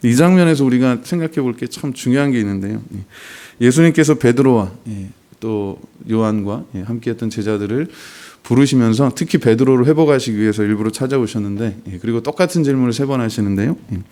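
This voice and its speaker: A man's voice: mid-range voice, a little fast, hardly any pauses, mellow. A male pastor giving a sermon in a conversational way, often dropping short affirming fillers between phrases. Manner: conversational preaching, frequent "예" fillers.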